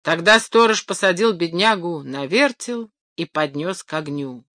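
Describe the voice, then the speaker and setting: A woman narrating a fairy tale in an expressive storytelling manner. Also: lowish voice, unhurried, no echo, studio quality. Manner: animated storyteller.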